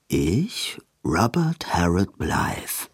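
A hesitant man in an audiobook, speaking low, slow and hushed with a rough edge, as a male narrator voices him. The sound is close and dry, with no room around it. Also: very animated, no echo, full character voice. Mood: strained.

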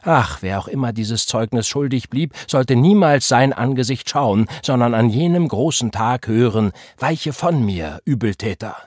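A fervent young revival preacher, as a male reader puts him on, calling out to his flock with rising cries and slow, drawn-out stresses. His voice sits at an ordinary pitch for a man and is recorded close and dry, with no room around it. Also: a little mellow, no echo, close to an everyday voice. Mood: solemn. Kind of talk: impassioned sermon.

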